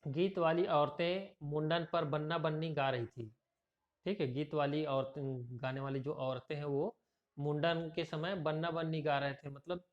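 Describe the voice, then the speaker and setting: A man's voice: fairly high pitch, steady tone, normal speed. A male teacher reading a story aloud and explaining it, with frequent fillers and restarts. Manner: rambling with repeated fillers. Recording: dull lo-fi recording.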